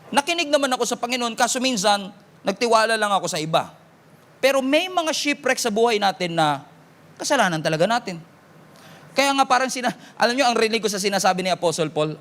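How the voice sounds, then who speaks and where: A male pastor with a Filipino accent, preaching a sermon in an animated, playful way. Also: sits high. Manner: animated, playful, mixes Tagalog and English.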